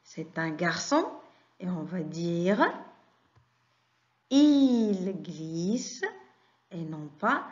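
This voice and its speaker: A woman teaching a French lesson to young children, slowly sounding out words, asking questions and praising answers. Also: fairly low pitch, sing-song, a bit bright, lo-fi sound. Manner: slow, deliberate, praising and questioning pupils.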